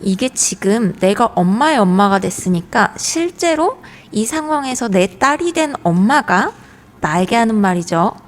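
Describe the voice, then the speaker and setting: Gentle, encouraging woman teaching writing. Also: medium pitch, lively intonation, unhurried, long reverb tail. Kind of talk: lesson with a story read aloud.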